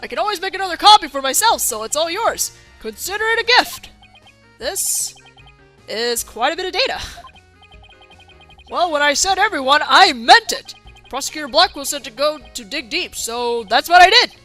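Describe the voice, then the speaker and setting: A woman voicing an overly helpful male detective in a game dub, loud and keen, sometimes stumbling over words. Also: high-pitched, animated, moderate pace, faint music behind. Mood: eager. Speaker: let's play voice actor.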